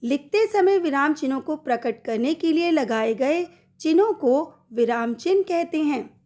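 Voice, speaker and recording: A middle-aged woman teaching a Hindi grammar lesson to schoolchildren, speaking some examples in an animated voice. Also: sits high, a little slow. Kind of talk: slow recorded classroom lesson.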